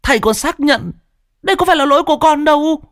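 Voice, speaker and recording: A man voicing a sly, cheeky young male disciple who argues fast and indignantly. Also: extremely high pitch, animated, a bit bright, no room sound, studio quality, pitched above the performer's own voice. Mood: righteous arguing.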